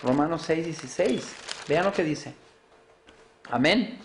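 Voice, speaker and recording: A man's voice: fairly high pitch, animated, measured pace, roomy sound, slight background noise. A man preaching a sermon, asking his listeners rhetorical questions and answering them with rising emphasis.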